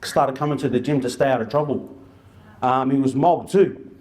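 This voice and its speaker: A man's voice: mid-range voice, moderate pace, a little mellow. A man giving an informal presentation as an outreach worker, telling stories in colloquial, slangy language. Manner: colloquial and anecdotal, with slang and re-enacted dialogue.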